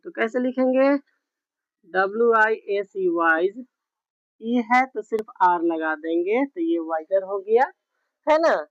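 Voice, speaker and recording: A woman teaching English grammar slowly, spelling words out and checking in often with her students. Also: mid-range voice, expressive, dry recording. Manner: slow, repetitive, spells words out letter by letter with frequent check-ins. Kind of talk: classroom grammar lesson. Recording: dull, muffled lo-fi sound.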